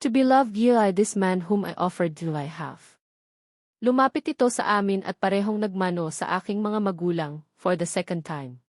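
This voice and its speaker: A woman reading a romance novel aloud as the narrator, in a soft, emotional storytelling manner. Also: medium pitch, normal speed, no room sound, studio quality.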